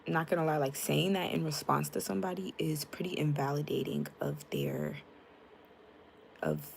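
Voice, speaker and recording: A woman's voice: sits low, lively intonation, normal speed, creaky, slight background noise. A young woman chatting frankly with her live-stream viewers, greeting them by name and using lots of fillers, into a tablet mic. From United States. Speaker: livestreamer.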